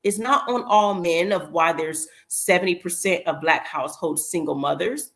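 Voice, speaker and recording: A woman giving casual opinion commentary in an emphatic, rambling way, pausing to recall details. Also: lowish voice, vocal fry, a bit bright. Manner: emphatic, rambling, with pauses to remember.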